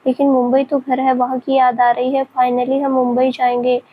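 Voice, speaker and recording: A woman reading the lines of a shy, affectionate young woman in love, softly and quietly. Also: sits high, completely flat delivery, normal speed, narrow, tinny audio, slight background noise, close to an everyday voice. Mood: tender.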